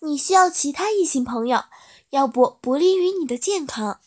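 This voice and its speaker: A woman's voice: sits high, expressive, normal speed, pitched above the performer's own voice. A woman voicing a caring, worried widowed mother in a storybook reading, speaking in a coaxing way. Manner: warm, coaxing, concerned.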